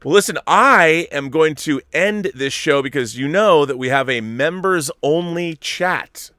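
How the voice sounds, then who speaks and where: This time the middle-aged host sounds a little high, animated, and pushed and bright, moving a little slowly as he reads viewer super chats and rambles opinionatedly with many self-interruptions. The casual live-stream commentary has clean studio sound with no echo.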